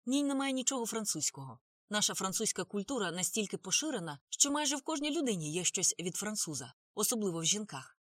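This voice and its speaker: A woman's voice: medium pitch, big pitch swings, fast, few pauses, dry recording. A woman voicing a witty, talkative middle-aged Frenchman who drawls theatrically, in an audiobook reading. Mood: musing.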